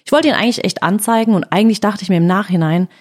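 Woman telling a story in lively detail. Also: mid-range voice, racing. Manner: tells the story vividly, quoting her own words. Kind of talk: casual storytelling chat.

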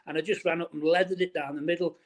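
A man's voice: on the high side, flat delivery, fast, a little hiss or hum. A middle-aged man, a former footballer chatting in an interview, restarting his sentences often and filling with "you know". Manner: chatty, many restarts and fillers. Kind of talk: casual interview, reminiscing.

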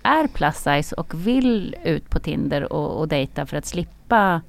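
A woman co-hosts a casual podcast chat in a lowish voice that swings up and down a lot. She mostly reacts to her partner's stories and keeps the talk moving with quick questions. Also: lively intonation, vocal fry. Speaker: podcast co-host.

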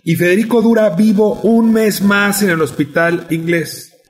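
A man interviews his guest in a fairly high voice, laying out the facts step by step. His delivery is measured and careful, with each detail set out in precise order. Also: steady tone. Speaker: interviewer and host. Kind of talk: investigative interview.

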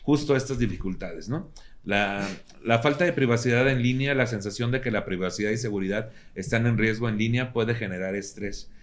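A man's voice: medium pitch, fairly quick. A man with a Mexican accent hosting a podcast, chatting casually and making fun of himself while reading out points. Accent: Mexican Spanish. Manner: joking, self-mocking, reads points aloud. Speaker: podcast host. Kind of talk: casual chat.

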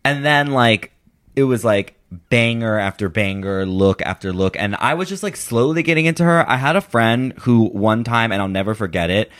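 A man's voice: medium pitch, normal speed, fairly bright tone. A man in his twenties chatting casually as a podcast guest, phrasing things hesitantly and peppering sentences with "like". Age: 20s. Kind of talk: casual chat.

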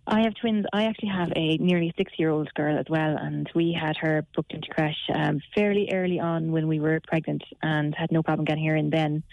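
A woman's voice: low voice, fairly even intonation, brisk, vocal fry, few pauses, a little mellow, no echo, dull audio. A woman in her thirties with a west of Ireland accent, chatting matter-of-factly as a caller on a radio phone-in. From Galway, Ireland. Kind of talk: casual personal account on talk radio.

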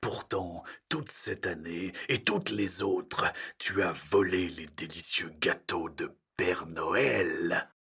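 A man playing a sinister male bogeyman who punishes naughty children, speaking in a slow, accusing, mocking way. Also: low voice, fairly even intonation, creaky, sharp tone, husky, heavily acted. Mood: menacing.

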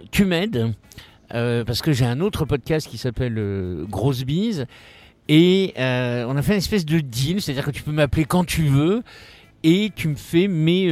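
A man's voice: mid-range voice, darkish tone. A man hosting a casual podcast interview, talking hesitantly with many fillers and restarts. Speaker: podcast host.

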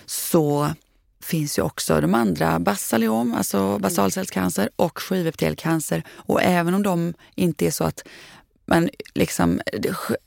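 A woman co-hosting a podcast, speaking in a heavily gravelly, creaky voice. She is thoughtful and hesitant, full of fillers and restarts. The room sounds dry and close to the mic. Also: on the low side, a little mellow, no room sound. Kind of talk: casual podcast chat.

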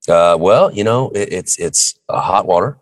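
A man co-hosting a casual podcast chat in a choked, hoarse voice that sounds half lost, with wordy, playful phrasing. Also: sits low, animated, moderate pace, dry recording, clean studio sound. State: hoarse, choked-up, strangled voice from losing it. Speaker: podcast co-host.

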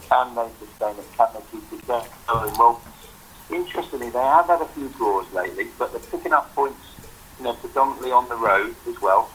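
A man's voice: mid-range voice, a bit bright, slight background noise, poor audio. A man giving conversational football analysis as a podcast pundit.

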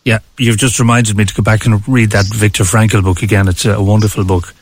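A man's voice: lowish voice, steady tone, brisk, breathy edge. A man hosting a conversational radio interview. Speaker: radio show host.

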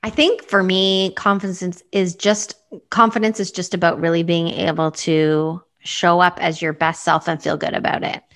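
Gravelly woman in her fifties. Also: on the low side, flat delivery, moderate pace, fairly bright tone. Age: 50s. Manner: thoughtful, hesitant, with restarts. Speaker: guest. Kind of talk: reflective interview answers.

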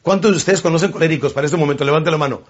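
A man giving an animated motivational seminar talk, slipping into quick character voices. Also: fairly high pitch, dull audio. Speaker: motivational speaker.

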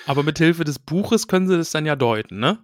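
Amused higher-voiced man chatting about a book. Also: lively intonation, no room sound. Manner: laughs often, quick amused interjections, reads passages aloud. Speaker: podcast co-host. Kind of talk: casual book-discussion podcast.

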